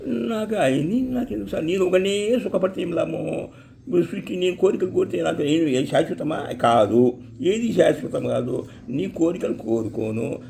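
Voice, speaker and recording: Male devotee, slightly high gravelly voice, earnest halting storytelling to an interviewer. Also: warm tone, a little hiss or hum. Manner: earnest, halting, addresses listener as sir. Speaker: devotee telling a vision. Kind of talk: rambling spiritual talk to an interviewer.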